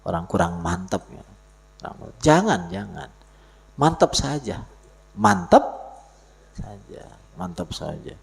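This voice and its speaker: Male preacher, gravelly voice, animated swings in pitch, explains and jokes. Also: takes it slowly, pauses often. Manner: explains Arabic text in Indonesian, lively and joking. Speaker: religious teacher. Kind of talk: sermon. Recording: live audio stream.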